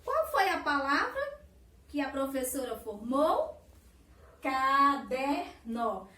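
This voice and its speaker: This Brazilian Portuguese-accented teacher's high voice swoops wildly in pitch, a little slow and fairly bright, as she patiently sing-songs a recorded lesson for young children and draws out her syllables. Faint hiss and roomy echo come through, with the mic set far away.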